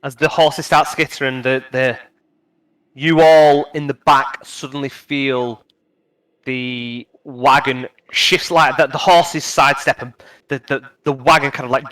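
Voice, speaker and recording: Male game master, smooth voice, halting narration full of fillers and restarts. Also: mid-range voice, fairly even intonation, a bit bright, rough recording.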